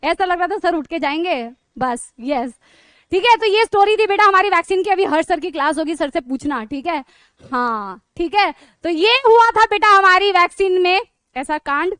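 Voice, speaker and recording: A woman teacher with a very high voice tells her class a funny story. She is chatty and lively, checks in with the students again and again, and laughs along the way. Her voice sounds dry and close, with no room echo. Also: moderate pace. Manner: animated, chatty, keeps calling the students "beta" and checking with "theek hai"; breaks into laughter while telling the story. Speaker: online teacher.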